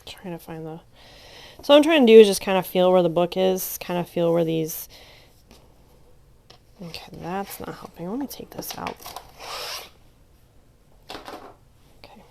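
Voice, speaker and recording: A woman with a slightly low voice talks through a hands-on craft tutorial at home. She is chatty and meandering, often trailing off and restarting as she works. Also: measured pace, creaky, pauses often, a little mellow. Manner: chatty, rambling, many fillers and restarts. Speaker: crafter teaching junk journal making. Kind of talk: casual craft tutorial narration.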